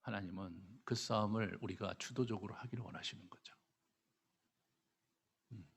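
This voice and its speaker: A man's voice: fairly low pitch, normal speed, gravelly, breathy edge. A man pastor preaching at an evening prayer meeting, emphatic and full of rhetorical questions, in a church hall with a long reverb. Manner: emphatic, rhetorical questions, swings between loud and hushed.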